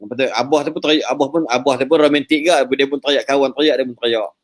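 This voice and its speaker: A man giving a lively religious talk over a live call, joking in English and chanting recitations. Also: medium pitch, fast. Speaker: preacher.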